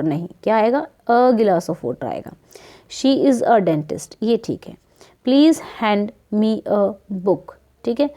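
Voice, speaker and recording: An Indian woman explains an English grammar worksheet in Hindi at an unhurried pace, her medium-pitched voice mellow and soft-edged. She repeats example words again and again and checks that her pupils are following.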